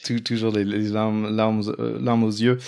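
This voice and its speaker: A man's voice: on the low side, monotone, measured pace, creaky, darkish tone, clean tone. A man hosting a sports podcast in casual chat, leaning on fillers and laughing easily. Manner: chatty, fills with "en fait", laughs easily. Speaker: podcast host.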